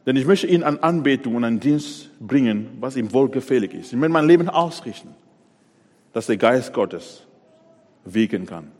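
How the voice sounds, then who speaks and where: A man's voice: mid-range voice, animated, moderate pace. Emphatic preacher man in a reverberant hall. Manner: emphatic, swings between loud stresses and quiet drops. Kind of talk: sermon.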